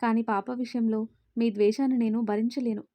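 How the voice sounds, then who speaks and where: Earnest young woman, outspoken, pleading, woman reading, mellow voice, dry sound. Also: on the high side, fairly even intonation, fairly quick, dry recording, natural voice. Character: young woman, a firm and caring caretaker of a little girl.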